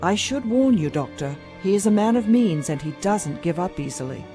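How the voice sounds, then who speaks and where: A woman's voice: mid-range voice, expressive, normal speed, mellow, faint music behind, close to an everyday voice. A woman playing a jaded, frank hospital doctor in an audio drama, skeptical and matter-of-fact. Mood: curt, wary.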